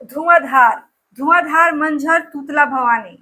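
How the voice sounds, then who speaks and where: High, bright-voiced woman teaching slowly. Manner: repetitive, drills names over and over with "ठीक है". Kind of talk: exam-prep lesson with memory tricks.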